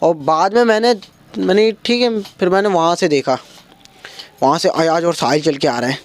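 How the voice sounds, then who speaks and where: A young man. He is animated and keeps slipping into his friends' voices as he tells the story. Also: fairly high pitch, normal speed. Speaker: stand-up comedian. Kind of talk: stand-up storytelling.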